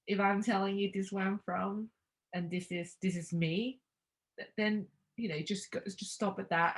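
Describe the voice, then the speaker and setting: A young woman with a medium-pitched voice speaks casually as an interview guest. She sounds reflective, restarting hesitantly and laughing lightly now and then.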